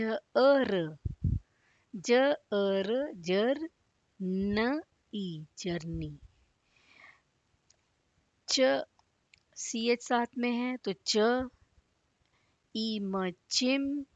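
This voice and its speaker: Very slow Hindi-accented woman teacher sounding out letters, dull dry recording. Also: medium pitch, dry recording. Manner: sounds out letters one by one, then blends them. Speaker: phonics teacher. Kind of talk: slow sounding-out phonics lesson.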